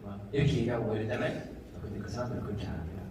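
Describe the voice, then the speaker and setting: A man performing a comedic talk to a live audience, animated and jokey, slipping into quick impressions of how people talk. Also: fairly low pitch. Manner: animated, jokey, mimics regional speech in quick asides. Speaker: comedian giving a talk concert. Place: large hall with a live audience. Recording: echoey hall audio with noise, from far off.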